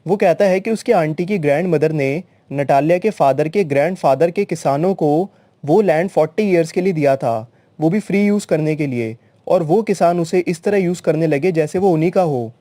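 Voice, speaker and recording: A man's voice: fairly high pitch, normal speed, mellow, no room sound. A man teacher retelling a play's story in casual narration, mixing in English words. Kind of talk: storytelling summary of a play.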